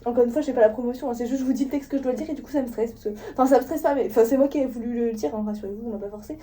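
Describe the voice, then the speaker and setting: A woman's voice: on the high side, very fast, mellow. A young woman chatting casually to her viewers at home, rambling with lots of fillers and asides. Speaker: vlogger. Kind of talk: casual vlog chat to viewers. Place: home, indoors.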